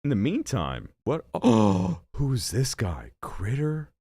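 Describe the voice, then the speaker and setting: A young man hosting a gaming channel streams games and chats casually, rambling and making jokes at his own expense. He speaks slowly in a husky voice, with a stuffy nose and hiccups, and his animated delivery jumps suddenly in pitch. There's no echo.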